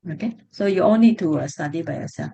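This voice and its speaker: A woman teaching a class over a video call in a slightly low voice. She speaks Singlish, with a Singaporean or Malaysian accent and colloquial phrasing, explaining things and checking in with her students. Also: expressive, quick pace, gravelly, dark tone, breathy edge. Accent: Singaporean or Malaysian English. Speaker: teacher leading an online Buddhist class.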